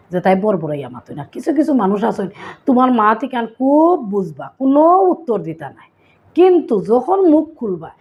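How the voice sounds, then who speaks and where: Lively Sylheti-accented woman vlogger, lo-fi. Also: fairly high pitch, slight background noise. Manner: lively storyteller, acts out sayings. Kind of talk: casual explanatory vlog.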